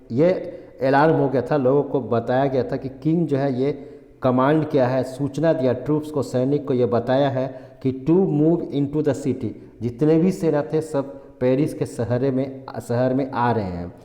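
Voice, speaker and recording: A male teacher giving a Hindi history lesson. He reads English textbook lines slowly, word by word, and then explains them in Hindi, often repeating himself. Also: mid-range voice, mellow. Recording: echoey room with long reverb.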